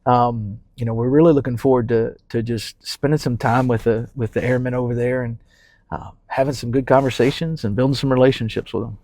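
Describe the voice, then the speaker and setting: A man over thirty-five from New Orleans, talking casually as a podcast guest, repeating words and pausing with fillers while he thinks. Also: mid-range voice, steady tone, a little mellow, no room sound. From New Orleans, Louisiana. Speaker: community development manager for a baseball team.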